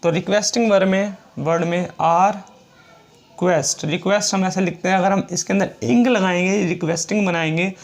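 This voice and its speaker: A man gives a classroom lesson, stepping slowly through each rule. His voice sits high for a man, and he repeats every example word patiently. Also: fairly even intonation. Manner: slow, repetitive explaining, reads rules aloud. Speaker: shorthand teacher.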